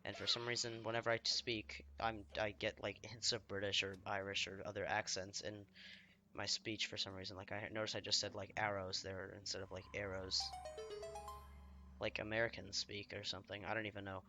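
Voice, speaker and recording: Feeling unwell, a gamer with a slightly hoarse, lowish voice keeps up casual commentary that is brisk, level and sharp-toned. He pokes fun at himself, rambles and lets sentences trail away, while faint music plays underneath.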